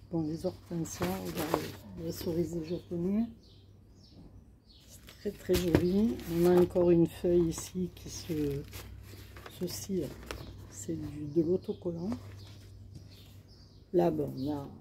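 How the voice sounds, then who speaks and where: A woman's voice: fairly low pitch, gravelly, background noise. A woman showing off her craft purchases outdoors in the sun, chatting casually to her phone camera with lots of fillers and hesitations. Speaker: crafting vlogger. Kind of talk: casual show-and-tell haul. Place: outdoors in sunshine.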